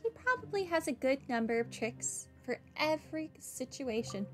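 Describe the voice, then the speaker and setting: A woman's voice: sits high, big pitch swings, normal speed. A woman gaming streamer giving casual playthrough commentary with wry, joking asides. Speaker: game streamer. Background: game music.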